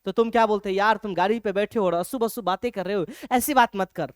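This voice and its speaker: Guy teaching a class, animated, keeps checking we get it, dry close sound. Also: high voice, no room sound. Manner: lively, keeps asking if things are clear; reads English verse slowly. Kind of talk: classroom-style lecture.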